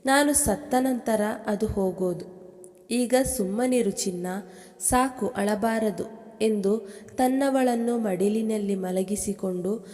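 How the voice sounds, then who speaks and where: A woman's voice: medium pitch, long reverb tail. A woman reading a romantic drama story aloud as scripted narration. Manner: slow, even reading.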